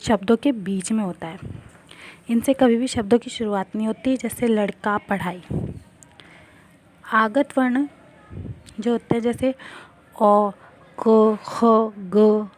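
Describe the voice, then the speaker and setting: A woman teacher giving a grammar lesson to schoolchildren, explaining slowly and answering her own questions. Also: a little high, a little mellow.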